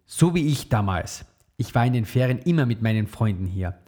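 A man reading the lines of a jovial, fond father in a children's story, in a relaxed, chatty tone. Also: fairly low pitch, brisk.

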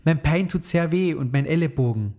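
A man voicing a hurt young boy in a storybook, in a high, pained childlike voice. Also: animated, moderate pace, a little mellow.

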